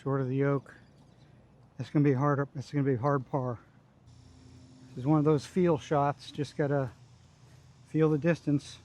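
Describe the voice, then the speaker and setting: A man giving casual, low-key golf commentary on his own round, talking through his shots in short, clipped phrases. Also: little pitch movement, unhurried, long pauses, a little mellow. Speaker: amateur golfer recording his own round. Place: outdoors on a golf course.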